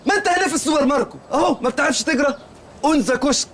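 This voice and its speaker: A man's voice: very high-pitched, rapid-fire, fairly bright tone, slight background noise. An actor playing a naive, earnest male shopkeeper in a comedy film, speaking with an Egyptian accent and telling rambling, literal-minded stories. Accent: Egyptian Arabic.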